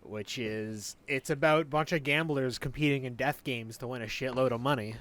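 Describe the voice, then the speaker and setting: A man's voice: medium pitch, normal speed, a crowd in the background. A young man co-hosting a podcast in casual chat, often stammering and restarting as he weighs his opinions. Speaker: podcast co-host.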